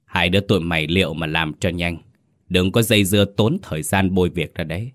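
A man's voice: low-pitched, fairly quick, close to an everyday voice. A man voicing a cruel, scheming second wife of a landlord, giving cold and contemptuous orders in a storybook tale. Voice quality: cold, hissing threats. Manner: contemptuous, commanding.

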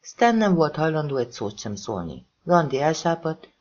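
A man reading a thriller audiobook as narrator, voicing the dialogue with shifts in pitch and loudness. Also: big pitch swings, dull audio, slight background noise. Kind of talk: scripted narration.

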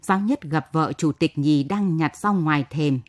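A woman narrating a late-night radio story in a measured, steady way. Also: low voice.

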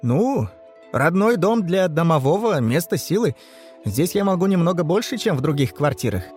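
A man voicing a calm, cocky male house spirit who talks in a matter-of-fact way. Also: a little high, normal speed, soft background music, voice pushed up. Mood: pleased.

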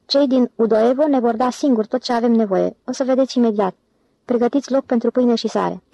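A woman's voice: on the high side, vocal fry, mellow, poor audio. Woman reading as a scheming con man leader. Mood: commanding. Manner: commanding, irritable.

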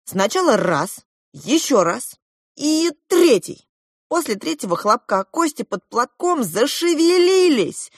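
A woman narrating a children's audiobook with expressive storytelling. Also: a little high, dry recording, clean studio sound. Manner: expressive storytelling, shifting into character voices. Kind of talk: scripted narration.

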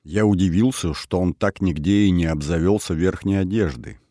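A man with a very low, dark voice reads a first-person adventure audiobook. His delivery stays even and matter-of-fact. The recording is dry and close. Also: normal speed, no room sound. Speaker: audiobook narrator.

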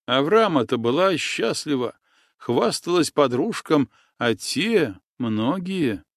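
A male narrator reading an audiobook with expressive, lively intonation and an unhurried pace. His voice is in a middle register. The recording is dry and close, with no room sound. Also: a little high, dry recording. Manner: expressive storytelling.

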